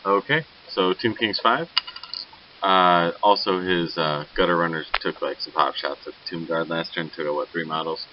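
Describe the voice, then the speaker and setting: Man, low pitch, sleepy and loose; casual game-recap narrator, muffled hissy recording. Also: normal speed. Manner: rambling, loose, self-correcting. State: sleepy, yawning. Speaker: tabletop wargame player. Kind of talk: casual battle report narration. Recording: dull lo-fi recording with faint hiss.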